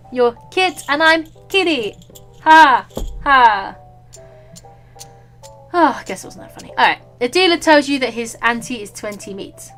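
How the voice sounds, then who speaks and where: Playful gamer girl, highish bright voice, reading game text and joking around, music behind. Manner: playful, jokey, breaks into silly asides. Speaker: gaming video host. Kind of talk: casual playthrough commentary, reading game text aloud.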